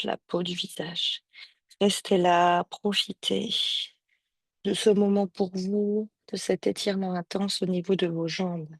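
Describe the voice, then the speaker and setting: A woman leads a yoga class, calling out each movement and breath in a calm, step-by-step way. She speaks slowly and without hurry, her voice at an ordinary middle pitch. The sound is dry and close, as through a video call microphone. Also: dry recording. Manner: calm, slow step-by-step instructions with breath counts. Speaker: yoga teacher. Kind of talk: guided yoga class cues. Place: home or studio, streamed on a video call.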